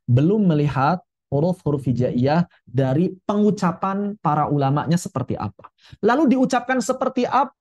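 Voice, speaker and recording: A man teaching a Quran recitation lesson, explaining letter sounds in a relaxed, chatty way and repeating each example slowly. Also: on the high side, highs cut off. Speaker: tajwid teacher.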